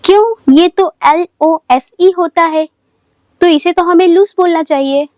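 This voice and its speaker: A woman's voice: very high-pitched, a little slow, a little mellow, dry recording, muffled recording, pitched above the performer's own voice. A woman voicing a confused young woman friend who keeps asking puzzled, protesting questions in a comic skit.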